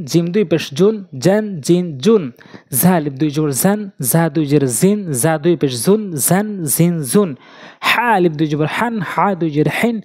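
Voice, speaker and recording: A man teaching Quran reading, spelling out syllables in a slow, sing-song drill. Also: high voice, a little mellow, no echo.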